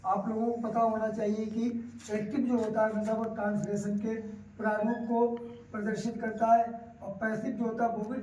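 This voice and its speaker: A man with a high, darkish voice and a North Indian accent teaches a classroom grammar lesson, explaining didactically and repeating key phrases for emphasis. The distant mic picks up a roomy echo and faint noise.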